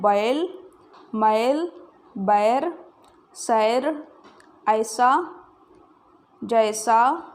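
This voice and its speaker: A young woman teaching a recorded lesson to small children, kindly talking to them directly and spelling out each word syllable by syllable. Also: high voice.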